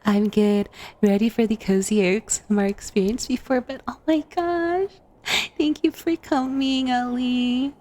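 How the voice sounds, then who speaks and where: A woman VTuber chatting casually with her livestream in an expressive, informal way, close to a USB microphone. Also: on the high side, unhurried. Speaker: VTuber streamer.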